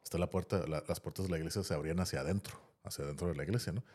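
Rapid-fire and deep, with a darkish tone and a breathy edge, this man's voice carries a Mexican accent. As a podcast host telling a story casually, he rambles and tacks "¿no?" and "así" onto his sentences.

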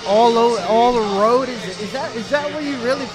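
A man hosting a radio interview, asking loose, rambling questions in an excitable, casual way. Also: extremely high pitch, moderate pace. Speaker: radio host. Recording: very loud music and crowd.

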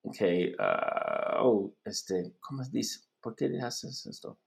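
A man whose first language is English, practicing a poem recitation as a Spanish learner, halting and repeating words syllable by syllable. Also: on the low side, huge pitch swings, creaky. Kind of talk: practicing poetry recitation in a lesson.

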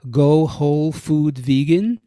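An older man speaks in a Brooklyn accent with a somewhat high-set voice. He chats in a loose, rambling, conversational way as an interview guest. The sound is dry, with little room on it. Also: slow pace, mellow, dry recording. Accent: Brooklyn, New York. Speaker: podcast guest, health writer and vegan advocate. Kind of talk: casual interview talk.

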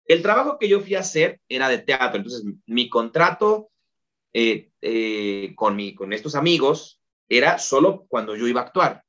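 Mexican man, podcast guest, animated storyteller, slightly dull lo-fi sound. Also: medium pitch, moderate pace. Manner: lively storyteller, many fillers like "este". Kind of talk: casual interview chat.

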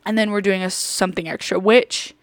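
A woman's voice: mid-range voice, fairly even intonation, brisk, no echo. A young woman hosting a podcast in a casual, rambling chat full of fillers and giggles. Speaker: podcast host.

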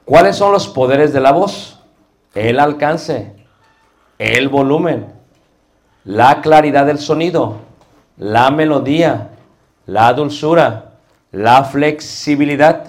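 A middle-aged man teaching a class on preaching, asking the students rhetorical questions. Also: medium pitch. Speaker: homiletics teacher.

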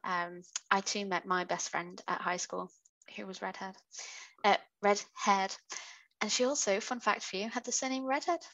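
A woman's voice: mid-range voice, fairly even intonation, moderate pace, fairly bright tone, rough recording. A British woman hosting a podcast, reading out a true crime case with chatty asides. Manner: chatty asides while narrating. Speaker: podcast host.

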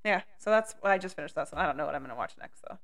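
A woman's voice: low voice, animated, racing, vocal fry, fairly bright tone. A woman co-hosting a podcast in casual chat, easygoing and rambling a little. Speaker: podcast co-host.

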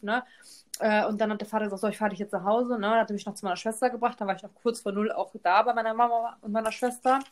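Chatty woman with a high voice. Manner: chatty, peppers talk with "ne?" tag questions. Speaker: podcast co-host. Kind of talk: casual storytelling chat.

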